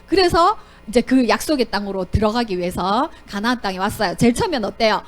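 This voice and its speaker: A woman's voice: fairly high pitch, fast. A woman Sunday school teacher telling a Bible story to children and asking them questions. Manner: animated, asks the children questions.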